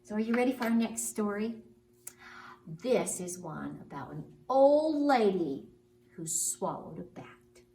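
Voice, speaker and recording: A woman telling stories to young children in an animated story-time style. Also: mid-range voice. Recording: roomy, distant mic, faint noise.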